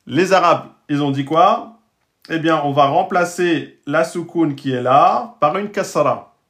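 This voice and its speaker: A man with a slightly high, somewhat bright voice teaches the Arabic alphabet and Quran reading rules to French-speaking learners. He patiently sounds out Arabic words slowly, repeats them, and checks in often with "d'accord?" and "hein?"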